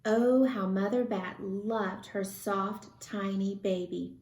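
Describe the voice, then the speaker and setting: Slow, expressive woman reading in echoey room. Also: medium pitch. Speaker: storybook reader. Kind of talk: expressive children's read-aloud. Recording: roomy, echoey sound.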